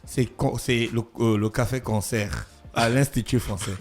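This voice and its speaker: A man's voice: medium pitch, unhurried, soft background music. A man hosting a casual radio interview, teasing his guests in friendly banter. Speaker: radio show host. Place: radio studio.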